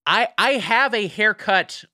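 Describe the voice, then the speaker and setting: A man co-hosting a podcast in casual chat, offering dry, measured asides. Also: high-pitched, expressive, pushed and bright, no echo. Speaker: podcast co-host.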